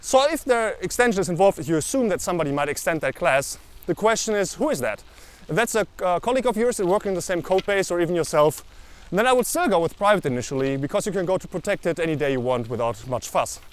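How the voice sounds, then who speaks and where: A man in his thirties teaching programming, explaining code with frequent restarts and fillers. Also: sits high. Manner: lively, lots of restarts and uh fillers while explaining. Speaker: programming educator. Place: living room indoors, also outdoors in a park.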